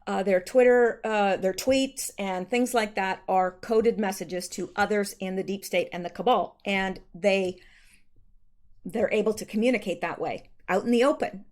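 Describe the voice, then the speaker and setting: A woman's voice: mid-range voice, normal speed. A woman hosting her own channel, casually reading out posts and commenting on them in a loose, conversational way with frequent ums and self-corrections. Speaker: channel host.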